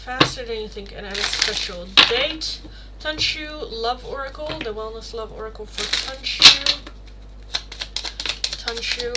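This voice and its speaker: Speaking a little slowly in a voice on the high side, a young woman with a Rotterdam Dutch accent gives a casual tarot reading on a livestream. She's chatty and rambling as she handles chat questions, with plenty of fillers and self-corrections. The background is very noisy.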